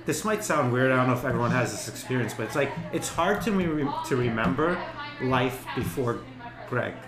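A man's voice: medium pitch, lively intonation, a little fast, a crowd in the background. A man and clinic co-owner recalling the past in casual conversation, rambling and laughing often. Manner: rambling, many fillers and restarts, laughs often. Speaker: clinic co-owner, podcast guest. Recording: echoey room with faint ambience.

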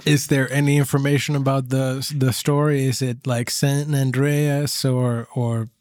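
Slow, hesitant man with a cough. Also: medium pitch, level tone, darkish tone, no echo, clean studio sound. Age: middle-aged. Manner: halting, hesitant, dryly humorous. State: has a persistent cough. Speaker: podcast co-host. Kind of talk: casual chat.

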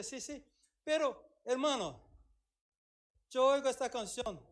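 Middle-aged male pastor, very high voice, emphatic sermon delivery with repeated lines. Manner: emphatic, repeats phrases for effect, mixes Portuguese and Spanish.

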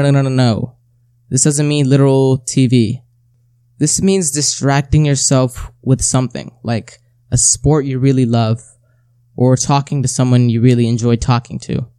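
A man hosts a self-help episode, addressing the listener directly in a conversational way, repeating key phrases and posing rhetorical questions. His medium-pitched voice is darkish, clear and resonant, captured in a clean studio with no room sound.

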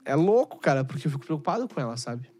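A man's voice: a little high, big pitch swings, quick pace, dark tone, breathy edge. A young man, hosting a podcast and telling stories in laid-back, slangy casual chat. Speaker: podcast host.

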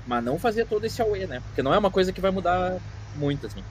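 A man's voice: high-pitched, lively intonation, very fast, slight background noise. A man giving his opinion in a casual podcast chat.

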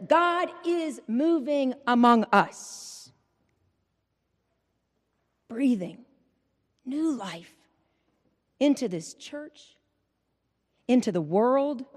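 Woman preacher at a pulpit microphone. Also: on the high side. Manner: measured, rhythmic preaching with repeated refrains. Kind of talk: Easter Vigil sermon. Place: large church. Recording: long church reverb.

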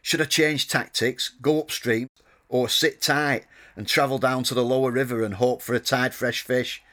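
A man in his thirties narrating a wry, deadpan personal story. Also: mid-range voice, moderate pace. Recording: music playing under the voice.

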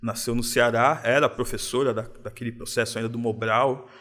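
Relaxed São man, slang-heavy. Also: medium pitch, normal speed. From São Paulo, Brazil. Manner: relaxed, reflective, uses street slang. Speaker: guest. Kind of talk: casual interview.

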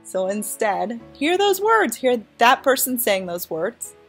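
A woman podcast host leading a calm, soothing guided visualization. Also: on the high side, takes it slowly, husky, faint music behind. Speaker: podcast host and life coach.

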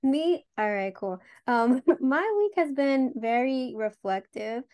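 A woman's voice: sits high, animated, slow pace, a little mellow. A young woman talks casually as a podcast co-host. Her delivery is chatty and conversational, with plenty of "like" and "you know" threaded through it. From Queens, New York. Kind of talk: casual chat.

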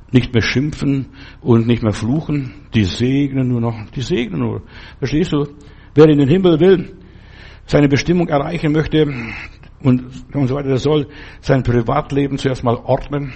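A man's voice: medium pitch, creaky, darkish tone, husky. A man preaching a sermon, speaking emphatically and addressing the listener directly with repeated questions.

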